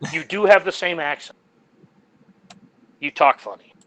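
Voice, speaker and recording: A man's voice: on the high side, measured pace, a bit bright, no room sound, low-quality recording. A man co-hosting a podcast in casual chat, rambling and jokey. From United States. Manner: rambling and jokey, laughs at his own jokes. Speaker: podcast co-host.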